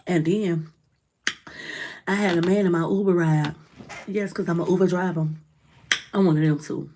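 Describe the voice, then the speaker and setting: Lively woman preaching uplift with dialect flavor. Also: on the low side, moderate pace, a little hiss or hum. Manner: lively, swings loud and soft, preachy. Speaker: rideshare driver and motivational vlogger. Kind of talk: casual motivational talk to camera.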